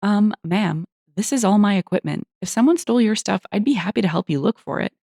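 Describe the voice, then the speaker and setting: A patient, reasonable young man who keeps his tone polite, as a woman narrator voices him. The delivery is lively, with a slight rasp, and the sound is close and dry. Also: mid-range voice, fairly quick, no room sound. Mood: calm, polite. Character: calm, polite young man defending himself.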